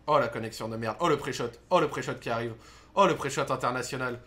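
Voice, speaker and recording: A young man commentating his own gameplay, excitable, swearing and shouting at the game. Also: mid-range voice, quick pace. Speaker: gaming YouTuber.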